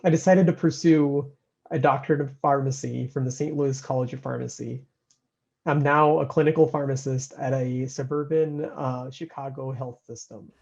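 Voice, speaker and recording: A young man from India calmly introducing himself and his background. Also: mid-range voice, normal speed, creaky. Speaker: interviewee. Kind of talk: personal introduction. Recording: dull lo-fi sound.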